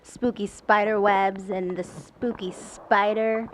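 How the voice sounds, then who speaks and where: A woman reports live for a morning show from inside a community theater, interviewing guests in a chatty, playful way. Her mid-range voice is slow with fairly even intonation, and there's background music plus a little hiss or hum.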